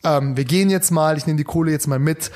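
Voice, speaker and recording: Fast-talking young man. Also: on the high side. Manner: fast, animated storytelling with quoted dialogue and Bavarian-tinged slang. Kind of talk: casual chat, storytelling.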